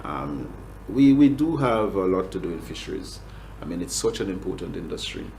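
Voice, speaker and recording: A Grenadian man speaks as a government agriculture official in an interview. His voice sits very low, and he often stops, restarts and fills gaps with "um". A faint hum runs underneath. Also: animated, normal speed, vocal fry, darkish tone, low-quality recording. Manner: hesitant, many restarts and fillers. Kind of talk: interview answers.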